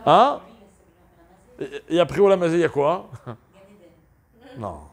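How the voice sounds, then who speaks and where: A middle-aged man teaching a Torah class, animated, questioning his listeners and mixing Hebrew terms into his talk. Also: a little high, unhurried, vocal fry, crowd noise. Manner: animated, asks the audience questions, spells out Hebrew letters; mixes Hebrew terms into French. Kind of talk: lively Torah lesson to a live audience.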